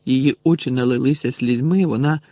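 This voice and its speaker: Male audiobook narrator, steady storytelling, mid pitch, dry studio sound. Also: fairly quick, no echo. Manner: steady storytelling, acting out characters. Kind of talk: scripted narration.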